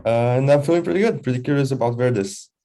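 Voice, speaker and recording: A man introducing himself on a video call, relaxed and loud. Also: medium pitch, fast. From Brazil.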